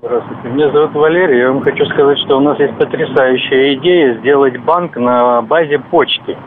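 A man's voice: medium pitch, normal speed, slight background noise. A man speaking as a radio caller, giving his casual opinion on a phone-in show over a muffled phone line.

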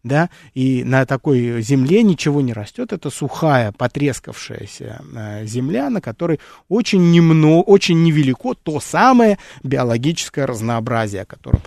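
A man's voice: mid-range voice, very animated, moderate pace, creaky, a little mellow, no echo, clean studio sound. A man hosting an educational nature series, talking unscripted with frequent fillers, restarts and rhetorical questions, and calling his listeners friends.

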